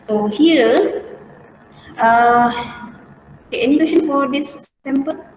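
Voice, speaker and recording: Female online tutor, Malaysian accent and casual local English particles, unhurried delivery, echoey room with faint noise. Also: high-pitched, soft background music. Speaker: accounting teacher. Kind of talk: informal online lesson, talking through worked steps. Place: indoors, online class. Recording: roomy, distant mic, faint noise.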